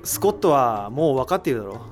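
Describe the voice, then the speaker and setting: He talks fast at medium pitch with big pitch swings, lightly acted over faint music. In the amateur audio drama he voices a figure who reasons through a mystery, explaining with confidence and throwing in rhetorical questions.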